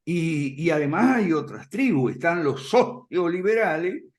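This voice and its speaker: A man explaining ideas in conversation, firm and emphatic, often checking in with a quick "ok?" and soft chuckles. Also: a little high, sing-song. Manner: emphatic, repeats points firmly. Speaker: guest speaker on classical liberalism.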